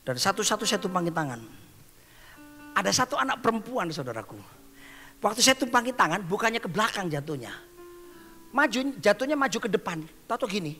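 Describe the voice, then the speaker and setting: Animated high-voiced male preacher. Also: brisk, pauses often, long reverb tail, faint music behind. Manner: animated storytelling, often calls out to the congregation. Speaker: pastor. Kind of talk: sermon.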